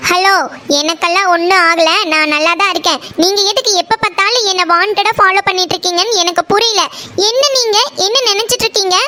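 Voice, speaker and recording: A woman voicing a sharp-tongued young college woman in a cartoon, speaking with a Kongu Tamil accent from Coimbatore, scolding and brushing off a suitor. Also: very high voice, quick pace. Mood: snapping. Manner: snappish, scolding, dismissive. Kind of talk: cartoon voice acting.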